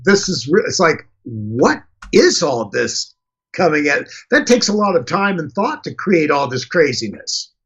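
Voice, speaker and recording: A man in his sixties from Canada, a guest actor talking casually in a halting style. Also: on the high side, big pitch swings, fairly bright tone, breathy edge, highs cut off. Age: 60s. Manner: halting, with restarts and fillers while storytelling. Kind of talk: casual interview.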